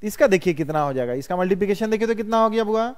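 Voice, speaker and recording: Male math teacher, high and clear, classroom lecture full of questions to students. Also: lively intonation, rapid-fire. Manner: quizzes students constantly, calls them "बउआ".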